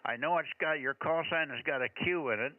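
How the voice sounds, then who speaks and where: A man's voice: fairly high pitch, a little fast, no echo. A man working as a ham radio net operator, reading callsigns and repeating phrases in radio procedure talk over a crackly radio link. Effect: crackly radio transmission. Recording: crackly noisy narrowband shortwave radio with clicks.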